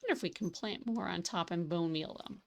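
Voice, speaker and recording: A woman narrates her building session in a loose, chatty way, thinking aloud and poking fun at herself. Her voice has a gravelly fry and a slight hoarseness from losing it. A faint hiss sits under the desk mic. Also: on the low side, brisk. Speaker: streamer. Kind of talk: casual gaming livestream commentary.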